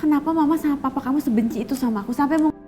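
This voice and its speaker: A woman's voice: sits high, very fast, mellow, faint music behind, natural voice. An actress playing a young woman who insistently demands the truth from her boyfriend in a TV drama. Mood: pressing. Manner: insistent, pressing questions. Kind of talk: TV soap drama acting.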